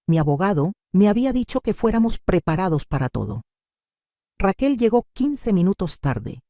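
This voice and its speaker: An older woman narrating her own life story in the first person, with dramatic, expressive delivery. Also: lowish voice, dry recording, clean studio sound.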